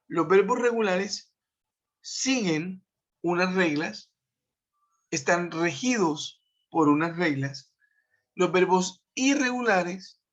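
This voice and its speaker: A man, teaching an online English grammar lesson, explaining step by step and checking in with his students. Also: high voice. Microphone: web conference computer mic. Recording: dull lo-fi web call audio.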